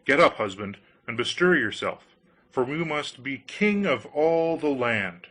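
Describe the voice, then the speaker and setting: A man's voice: medium pitch, big pitch swings, measured pace, a bit bright. A man voicing a demanding, ambitious fisherman's wife in a storybook, insistent and imperious.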